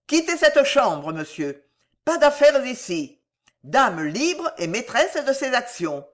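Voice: mid-range voice, sing-song, normal speed, a bit bright, voice pushed up. A reader voicing a defiant male rogue who speaks in clipped, curt phrases, in an audiobook. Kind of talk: audiobook character voice.

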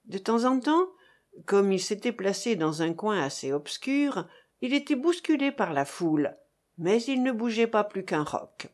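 Woman audiobook narrator, measured, expressive, lively pitch. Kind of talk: scripted narration.

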